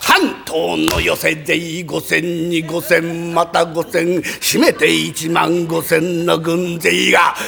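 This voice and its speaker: A man voicing a pompous male storyteller who recites a battle tale in a slow, drawn-out chant during a rakugo performance. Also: on the high side, monotone, gravelly, bright, forceful tone, faint music behind, voice pushed down, full character voice. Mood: grand declaiming.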